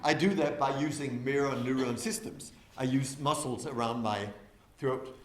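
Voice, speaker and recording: A man giving a lively conference talk to an audience, who keeps asking them questions and swings from loud to soft on purpose. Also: medium pitch, normal speed, a crowd in the background. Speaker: conference speaker. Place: windowless conference hall. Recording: echoey hall with faint noise.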